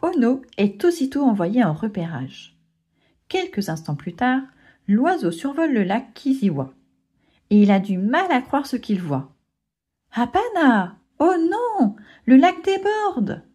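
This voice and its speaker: A woman narrating a children's storybook aloud in an expressive way. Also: medium pitch, measured pace, husky. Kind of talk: storybook reading.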